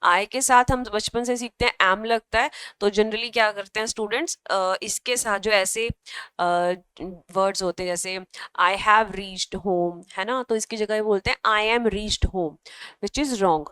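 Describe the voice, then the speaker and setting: A woman's voice: medium pitch, normal speed, fairly bright tone, clean tone, no echo. A woman from Delhi teaching English for an exam, explaining patiently and often checking that listeners follow. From Delhi, India. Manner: patient, keeps checking in with "theek hai?". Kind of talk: bilingual classroom explanation.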